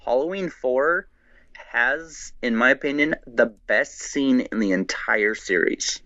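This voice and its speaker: A man guesting on a podcast, chatting excitedly and rambling with many restarts. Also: medium pitch, slow pace, dry recording, highs cut off. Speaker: guest, horror writer. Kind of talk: casual podcast chat.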